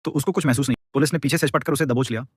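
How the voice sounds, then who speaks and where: Rapid dramatic male storyteller. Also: medium pitch, husky, no room sound, clean studio sound. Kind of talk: scripted storytelling narration.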